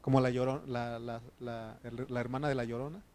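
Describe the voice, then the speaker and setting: A man's voice: medium pitch, fairly even intonation, brisk, a little mellow. A man preaching a sermon as pastor, fervently calling his listeners brother and putting questions to them. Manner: asks the congregation questions.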